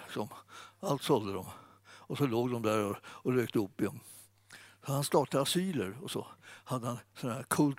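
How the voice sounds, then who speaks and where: A man giving an informal sermon, chatty and animated, speaking straight to his listeners. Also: medium pitch, no echo. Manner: conversational, animated, fillers and restarts, addresses audience. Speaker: preacher.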